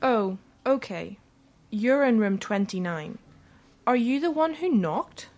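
A woman voicing a young red-haired girl in an audio story, speaking English slowly and carefully. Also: on the high side, animated, darkish tone. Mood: curious. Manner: slow, carefully spoken English.

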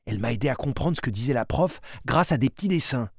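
A man narrating a storybook in a diary voice, with wry, quick asides between slowly read lines. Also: mid-range voice, expressive, slightly rough, dry recording, clean studio sound.

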